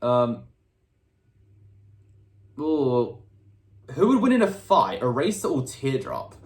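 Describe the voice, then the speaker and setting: A man's voice: mid-range voice, very animated, takes it slowly, darkish tone, reverberant. A British man from the United Kingdom, answering fan questions in a casual, upbeat chat, reading each question aloud and often restarting his words.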